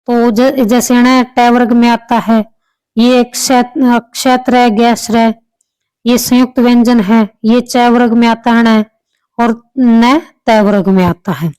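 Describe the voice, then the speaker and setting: A woman teacher talks through practice questions one by one with a slightly high voice. She explains patiently and repeats the key answers. The sound is close and dry, with no room around it. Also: fairly even intonation, slow pace, darkish tone, smooth, no room sound, poor audio. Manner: explains step by step, repeats answers, small restarts. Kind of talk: exam-prep lesson.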